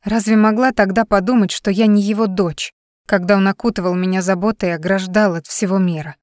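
A woman's voice: medium pitch, steady tone, a little fast, darkish tone, dry recording, clean studio sound, close to an everyday voice. A woman reading the part of a tearful young woman worn out by lies in an audiobook. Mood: distraught. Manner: emotional, pleading.

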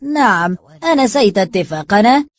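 A reader voicing a sly, greedy man who taunts and talks down to others, in a raised, louder voice. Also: mid-range voice, fast talker, close to an everyday voice. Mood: mocking. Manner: taunting, smug and condescending.

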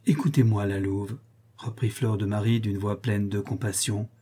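A man voicing gentle young Fleur-de-Marie. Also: fairly low pitch, little pitch movement, moderate pace, slightly rough, pitched below the performer's own voice. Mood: compassionate. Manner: soft, earnest, compassionate.

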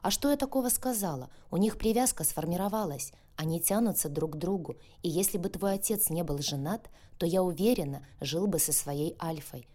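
A woman reading an audiobook, voicing a lively, chatty young woman friend who talks in a bubbly, coaxing way. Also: fairly low pitch, brisk, hardly any pauses, close to an everyday voice. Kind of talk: audiobook character voice.

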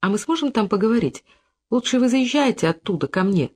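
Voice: mid-range voice, expressive, brisk, lightly acted. A reader voicing a playful young woman who teases and coaxes in an audiobook. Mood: coaxing. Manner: teasing, coaxing. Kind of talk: audiobook character voice.

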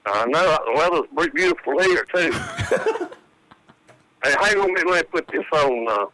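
A man's voice: fairly high pitch, expressive, normal speed, bright, forceful tone, rough recording. Older guy coming through a phone speaker, folksy bawdy joker, faint hiss behind. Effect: heard over a phone speaker. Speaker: phone-in caller. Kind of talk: casual phone chat, singing bawdy rhymes.

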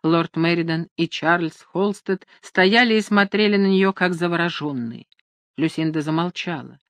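A measured audiobook narrator reading a romance novel, with a middle-pitched voice. The recording is dry and close, with no room sound at all. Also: fairly bright tone, no echo.

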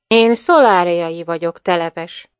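A woman voicing a proud, aloof woman from an offworld colony in an audiobook, speaking slowly in a formal, hesitant way. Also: mid-range voice, big pitch swings, creaky, dry recording, clean studio sound, soft background music. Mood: stiff.

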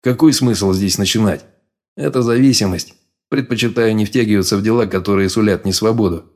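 A man's voice: lowish voice, fairly quick, a little mellow, lightly acted. A male audiobook reader voicing the first-person hero, a blunt man who shrugs off danger. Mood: plain. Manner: plain, shrugging. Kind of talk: audiobook character voice.

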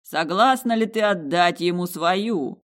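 A woman voicing an ancient magic ruby heart that speaks slowly in a teasing, drawn-out way. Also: on the low side, lightly acted. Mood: amused.

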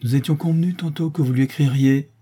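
A man's voice: a little high, steady tone, quick pace, dark tone, husky. A man voicing a young female artist who pleads and insists anxiously, clinging to hope, in an audiobook. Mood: desperate.

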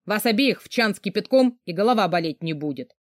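A woman voicing a gruff, burly male boss who barks rude commands and swears. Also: high voice, animated, fairly quick, dry recording, clean studio sound. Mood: gruff angry.

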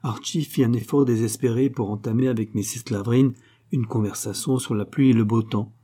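Mellow, husky male audiobook narrator. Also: mid-range voice, steady tone, a little fast. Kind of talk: scripted narration of a classic novel.

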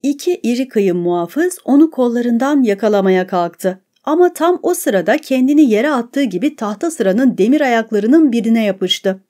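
A woman narrating an audiobook in a measured, steady reading. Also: a little high. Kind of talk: scripted narration.

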